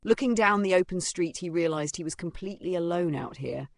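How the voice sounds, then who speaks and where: A narrator telling a story recap with dramatic, halting phrasing, close on a dry mic. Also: medium pitch, gravelly, no room sound.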